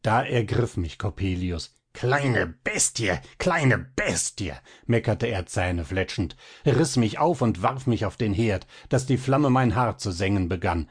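A man narrating a literary tale as an audiobook, reading with expressive, dramatic pacing. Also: fairly low pitch, moderate pace, few pauses, husky.

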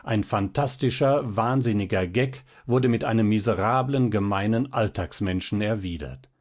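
Low-pitched male narrator for a dramatic classic audiobook. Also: a little mellow. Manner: measured, dramatic storytelling. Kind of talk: audiobook reading of classic fiction.

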